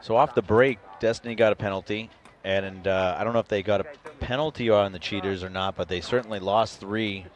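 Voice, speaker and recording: A man commenting live on a paintball match, calmly recapping plays and naming players. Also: lowish voice, fairly quick, hardly any pauses. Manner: calm, analytical, recaps plays. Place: outdoors at a paintball field. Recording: noisy outdoor event.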